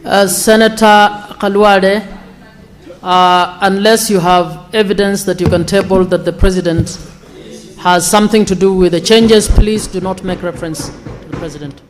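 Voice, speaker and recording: A woman chairs a parliamentary debate. She is formal and directive, handling procedure in halting phrases as the presiding speaker. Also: mid-range voice, steady tone. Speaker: speaker presiding over senate.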